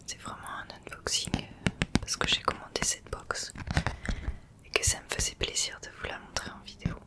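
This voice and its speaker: A woman hosting an ASMR unboxing, speaking in a whisper and soothingly addressing the listener directly. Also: moderate pace. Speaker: ASMR video host.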